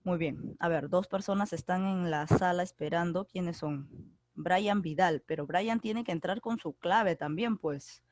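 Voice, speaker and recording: A woman's voice: on the low side, a little slow, a little mellow. A woman teacher, giving an online grammar class and explaining patiently, repeating key words with many fillers. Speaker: secondary school teacher. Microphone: computer mic on a video call.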